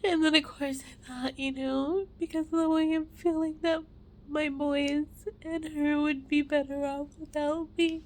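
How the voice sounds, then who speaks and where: A woman crying with a snotty, tearful voice as she makes an emotional personal confession in halting, broken phrases. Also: high voice, flat delivery. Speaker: mother sharing a personal testimony.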